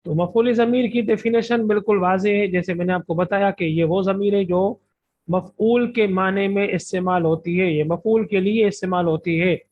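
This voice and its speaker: Male grammar teacher, Urdu accent, high voice, drills lists slowly; tinny lo-fi lecture recording. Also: steady tone. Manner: methodical, drills word lists slowly with translations. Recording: tinny phone-like lo-fi audio.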